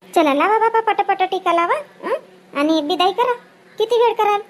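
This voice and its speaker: A woman, acting a chatty village woman at a wedding in a comedy skit, brisk and bossy, tagging her lines with questioning hums. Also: extremely high pitch, lively intonation.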